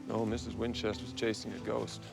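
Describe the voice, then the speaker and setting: An actor playing a blunt, skeptical émigré dancer in a period TV drama. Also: male voice, fairly low pitch, little pitch movement, a little fast, vocal fry, music in the background.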